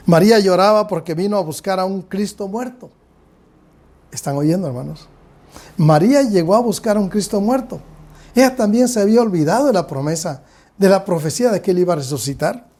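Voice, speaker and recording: A man's voice: sits high, darkish tone. A man with a Guatemalan Spanish accent, a pastor preaching a sermon and often calling out to his congregation. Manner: preaching, often calls out to the brothers and sisters.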